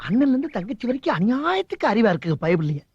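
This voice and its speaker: An actor playing a bumbling, excitable man who fumbles his excuses, in a comic film scene. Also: very high-pitched, highs cut off, over music. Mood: flustered. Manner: jittery comic blustering, rapid yelps.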